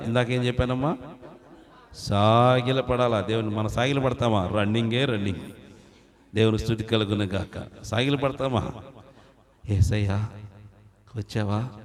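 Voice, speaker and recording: A man's voice: fairly low pitch, a little mellow. A male pastor preaching a fervent sermon, calling out hallelujahs and firing questions at the congregation.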